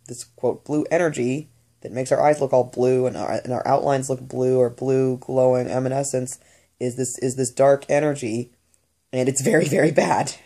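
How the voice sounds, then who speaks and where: A woman muses aloud in an unscripted monologue, her voice mellow and dark. She stops and starts often, filling gaps with ums and restarting her phrases as she works through her thoughts. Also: rumbling low, gravelly, breathy edge. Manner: halting, with many fillers and restarts. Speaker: channeler recounting spirit messages.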